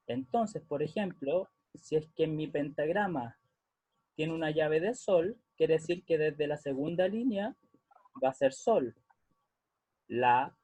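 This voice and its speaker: Slightly rough yet warm and somewhat high, this music teacher's voice comes through with no room sound. He patiently walks through music theory, repeatedly confirming understanding with "¿ya?".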